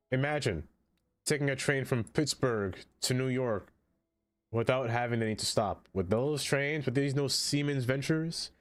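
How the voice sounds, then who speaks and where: This casual livestream features a male gamer who sounds stuffy-nosed, talking in a chatty, excitable way and welcoming viewers by name. The pitch is medium and the recording is dry.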